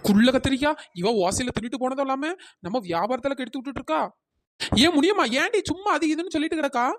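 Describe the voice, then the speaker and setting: A fed-up young snack seller in a cartoon, voiced by a woman, high-pitched and fast. She scolds and grumbles at customers who never pay. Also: animated. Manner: scolding, complaining. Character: young woman stall keeper, fed-up and sharp-tongued. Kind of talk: cartoon voice acting.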